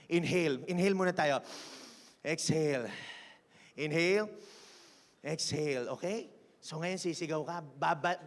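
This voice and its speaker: Male senior pastor, high voice, lively sermon delivery with call-and-response, long church-hall reverb. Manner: energetic, mixes English into Tagalog, keeps asking the church to respond. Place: church sanctuary.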